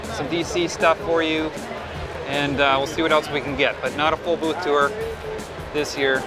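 A man's voice: fairly high pitch, flat delivery, normal speed, over a noisy crowd. A man giving an informal, off-the-cuff booth tour commentary from a convention hall, casually offering mild opinions as he goes. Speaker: collectibles video host. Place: convention hall show floor, indoors. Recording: loud music behind, busy convention hall. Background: loud music in a convention hall.

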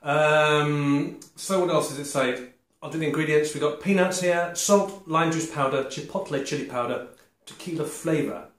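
A man's voice: a little high, a bit bright. Man's casual tasting chat, roomy echo. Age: 40s. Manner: halting, muttering between bites with a full mouth. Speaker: food review vlogger. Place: small glazed conservatory. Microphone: camera a short distance away. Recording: roomy echo, clear background noise.

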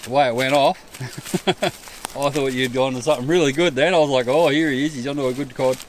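A laid-back Australian outdoor vlogger narrates casually at a riverbank campsite at night, chatty and self-amused. His voice is medium-pitched and a little fast. It's captured by a distant camera mic with outdoor night noise.

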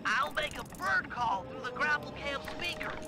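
High, nasal, nerdy turtle inventor. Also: male voice, expressive, moderate pace, very noisy. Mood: reassuring. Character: nerdy young male turtle inventor, earnest, eager. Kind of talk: cartoon video game acting. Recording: game music behind the voice.

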